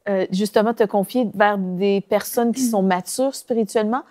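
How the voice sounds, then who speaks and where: A woman's voice: mid-range voice, normal speed, darkish tone. A woman co-hosting a faith talk show, sharing thoughtful reflections.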